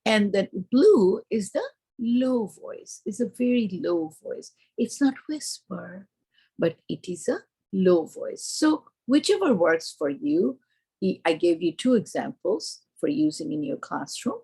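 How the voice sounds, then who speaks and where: A teacher trainer with an Indian accent walks teachers through an instructional presentation step by step, asking questions and then answering them herself. Her medium-pitched voice is mellow and husky with vocal fry, moving slowly through big pitch swings.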